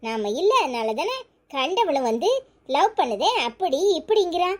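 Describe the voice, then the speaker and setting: A woman doing a sulky sharp-tongued young wife. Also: sits high, sing-song, normal speed. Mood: grumbling. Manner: grumbling, scolding. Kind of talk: cartoon storytelling.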